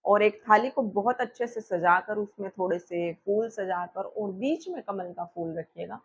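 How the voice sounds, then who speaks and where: A woman's voice: mid-range voice, unhurried, husky. A woman astrologer with a sore throat explaining a festival worship ritual step by step, asking and answering her own questions with frequent fillers. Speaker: astrologer explaining Diwali puja. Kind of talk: instructional talk to viewers. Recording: dull, lo-fi recording.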